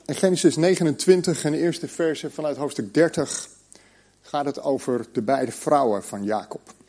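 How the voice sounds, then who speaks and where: A man preaching a sermon and reading scripture aloud, slowing down and pausing on key words. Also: on the high side, darkish tone.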